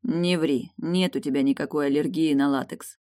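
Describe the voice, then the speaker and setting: A woman reading an audiobook voices a restrained, serious young man, measured and firm. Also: sits low, steady tone, mellow, close to an everyday voice. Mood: calm tender.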